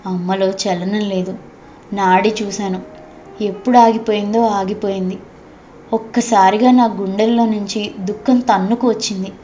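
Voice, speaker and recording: A woman reading a story aloud in a measured, heartfelt storytelling voice. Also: mid-range voice, fairly even intonation, mellow, slight background noise. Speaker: audiobook narrator. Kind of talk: scripted story narration. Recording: dull, slightly lo-fi recording.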